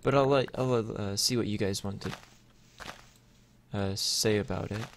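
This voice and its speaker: A man with a lowish, creaky voice speaks at normal speed, casually and hesitantly narrating his gameplay as he thinks out loud. He's a gaming YouTuber, and clicks and typing come through his noisy mic.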